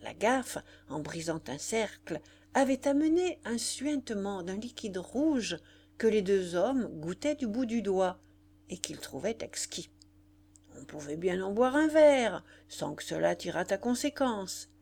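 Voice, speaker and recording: In a mid-range voice touched with vocal fry, a woman narrates a classic novel as an audiobook, reading in a measured, expressive way.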